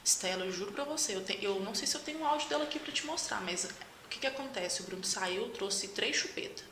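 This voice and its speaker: A woman's voice: medium pitch, expressive, fast talker. A woman, a guest, recounting her motherhood experiences in a casual conversation, emotional, with many restarts. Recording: echoey room, faint background noise.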